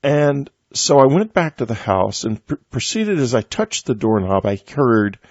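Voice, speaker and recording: An older man hosting a radio interview, telling a personal story in a reflective, halting way with many restarts. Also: mid-range voice, sing-song, a little mellow, no echo. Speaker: radio host. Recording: dry, dull lo-fi sound.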